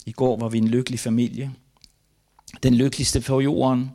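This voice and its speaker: An older man from Denmark reads aloud from his own memoir at a testimony, his voice neither high nor low. He speaks earnestly and haltingly, each phrase weighed down by grief. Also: flat delivery, warm tone. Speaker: missionary giving a testimony.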